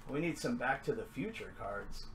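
With background noise around him, a man offers casual commentary as he opens packs during a trading card break. His mid-range voice has lively intonation and a moderate pace. He sounds upbeat at first, later mumbling to himself.

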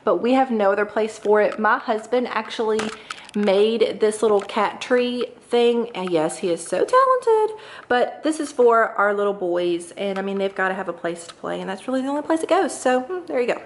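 A woman's voice: medium pitch, expressive, moderate pace, slight background noise. A young woman, chatting casually and upbeat while showing her home on a handheld camera. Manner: chatty, upbeat, lots of fillers. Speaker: lifestyle vlogger. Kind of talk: casual home tour chat. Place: large home kitchen and dining room, indoors. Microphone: handheld camera mic.

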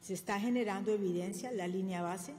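An older woman speaks fairly quickly in a warm, medium-pitched voice, giving a formal conference presentation from a podium mic in a government press room. Fillers and self-corrections come often. The reverberant room has faint ambience and slight background noise.

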